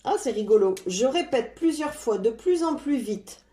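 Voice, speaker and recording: A woman giving a casual tarot card reading, chatty and unhurried, with many "euh" fillers. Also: on the high side, lively intonation, warm tone, echoey room. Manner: stops to talk to her cat.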